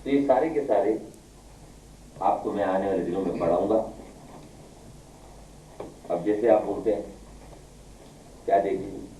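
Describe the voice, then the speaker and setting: A man's voice: lowish voice, unhurried, pauses often, mellow, slight background noise. A male English teacher lecturing a class, firing questions at his students and scolding them. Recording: echoey room, far from mic.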